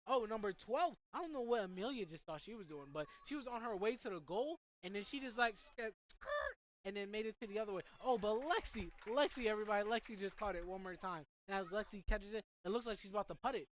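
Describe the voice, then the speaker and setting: Teenage boy, excitable soccer commentary, out of breath, chatty asides. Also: high-pitched, fast, few pauses, slight background noise. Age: teens. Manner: chatty, rambling asides to listeners. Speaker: student sports commentator.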